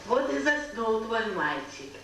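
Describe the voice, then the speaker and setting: A woman's voice: on the high side, big pitch swings, measured pace, noisy background. An actress voicing a stern older female village healer who gives commands and chants spells, in an old dubbed film. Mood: chanting. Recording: echoey old film soundtrack, distant.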